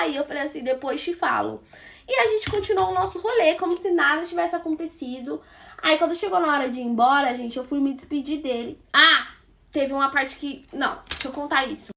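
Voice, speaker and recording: A woman's voice: high-pitched, fairly bright tone. A young Brazilian woman with a Brazilian Portuguese accent, chatting casually as she tells her followers a story, gossipy and addressing them like friends.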